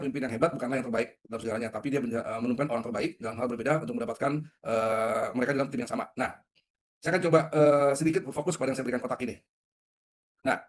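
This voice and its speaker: A middle-aged man giving a leadership webinar in a conversational way, often putting questions to his audience. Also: mid-range voice. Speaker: leadership trainer. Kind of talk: webinar talk.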